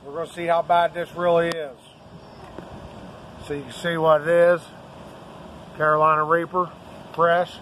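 A casual male host in his thirties speaks to the camera in a somewhat high voice. He stands outdoors by a house, with faint noise around him. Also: little pitch movement, unhurried, pauses often, fairly bright tone, low-quality recording. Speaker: challenge host. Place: outdoors beside a sided house. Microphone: camera a few steps away.

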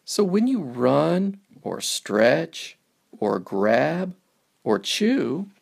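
A man gives a children's picture book a slow, lingering reading, drawing out his words. His voice is very creaky and gravelly, and his pitch rises and falls lively across the simple text.

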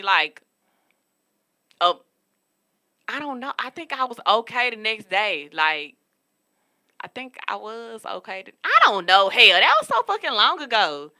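Telling stories in a casual chat, a young woman in her 20s who co-hosts a podcast is candid and profane. Her voice is bright and mid-range, and she records in a studio room with a city backdrop.

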